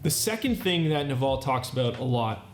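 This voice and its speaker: Faint music plays in an echoey room as a man in his thirties hosts his channel's self-improvement talk. He explains earnestly in repeated, list-like phrases, his mid-range voice swinging widely in pitch at a moderate pace.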